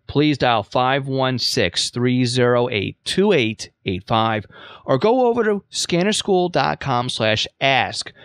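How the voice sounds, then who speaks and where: A man's voice: medium pitch, fairly bright tone, clean tone, dry recording, studio quality. A man with a New York accent hosting a casual spoken lesson, chatty, repeating himself with self-mocking asides. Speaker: podcast host and teacher.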